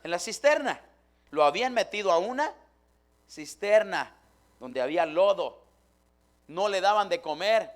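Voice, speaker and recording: A man preaching a fervent Pentecostal sermon in a church, constantly calling out to his brothers and swinging from hushed to shouting. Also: high voice, lively intonation, a little slow, pauses often. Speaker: pastor.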